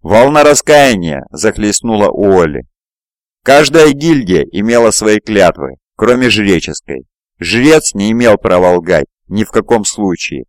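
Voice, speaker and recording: A man narrating a fantasy audiobook in a steady, even reading. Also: lowish voice, measured pace, no echo, clean studio sound. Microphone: close mic, home recording.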